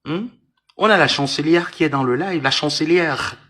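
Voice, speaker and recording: A man's voice: on the high side, normal speed, pushed and bright. A man hosting a livestream, taunting and arguing in a mocking, repetitive way. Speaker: live-stream host. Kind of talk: livestream rant and chat.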